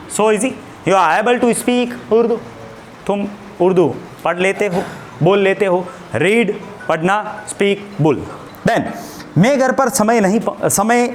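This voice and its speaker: A high, animated male voice with an Indian accent, teaching spoken English at a very slow, deliberate pace. He repeats single words and drills pronunciation one word at a time. A faint hiss of noise sits behind him. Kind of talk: spoken English lesson in Hindi.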